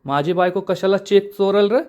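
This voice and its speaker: A man's voice: sits high, normal speed, darkish tone, lo-fi sound, voice pushed up, close to an everyday voice. A man doing a hot-headed young husband. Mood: angry. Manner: angry, protesting.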